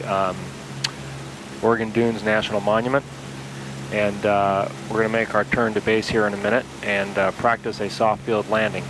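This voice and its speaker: Over a steady, clearly audible engine drone and background noise, a flight sim host narrates his home-cockpit flight through an aviation headset mic. His fairly low voice stays relaxed as he explains each step aloud in a casual, instructional way.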